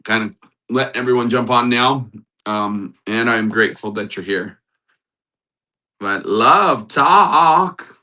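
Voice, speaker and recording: Man, live-stream host, crisp bright tone, upbeat, chuckles often, repetitive motivational talk. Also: mid-range voice, slow, pauses often, rough recording. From United States. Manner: upbeat, greets chat viewers by name, frequent chuckles. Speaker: livestream host and matchmaker.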